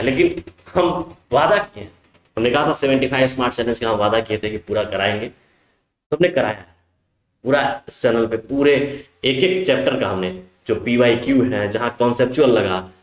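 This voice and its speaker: A man's voice: mid-range voice, animated, normal speed, reverberant. A man teaching a chemistry class, who asks his students questions and answers them himself, calling them affectionate names. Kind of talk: online class lecture.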